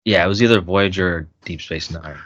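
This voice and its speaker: A man whose voice sits low talks briskly as he co-hosts a podcast, casually chatting and reliving movie scenes. Animated and quick to laugh, he often restarts sentences, captured in a dry, muffled recording.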